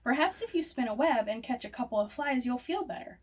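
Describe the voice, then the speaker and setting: A woman voicing a gentle, anxious young male pig in a storybook, earnest and innocent. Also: a little high, expressive, fairly quick. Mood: worried, caring. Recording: distant microphone, noisy room ambience.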